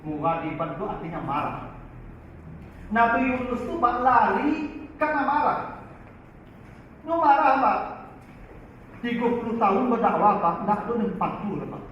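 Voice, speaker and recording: A man teaching in a lively Quran study lecture, often turning to his listeners. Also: high voice, normal speed, pauses often. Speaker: religious teacher. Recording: echoey far-off hall, dull lo-fi, faint noise.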